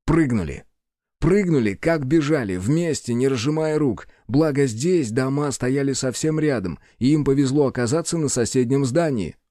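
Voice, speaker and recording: A man narrating an action story in a measured, dramatic reading. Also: medium pitch, lively intonation, warm tone, no room sound, studio quality. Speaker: audiobook narrator. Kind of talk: scripted narration.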